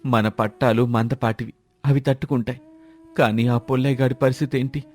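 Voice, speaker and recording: A man voicing a cautious, kind-hearted village farmer who speaks in a steady, earnest way. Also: medium pitch, a little fast, lightly acted. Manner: steady, earnest, shouts commands when urgent.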